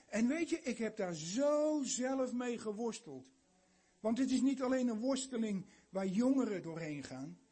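A man's voice: very high voice, lively intonation, unhurried, warm tone, slightly rough. An older man giving an earnest sermon, asking his listeners many questions. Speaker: preacher.

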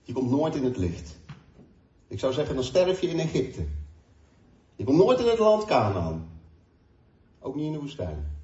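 A man's voice: mid-range voice, wildly swooping pitch, moderate pace, long pauses, warm tone. A man in his forties preaching a sermon, earnest, retelling conversations with frequent hesitations. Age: 40s. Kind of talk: sermon with personal stories. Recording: distant, dull, echoey room.

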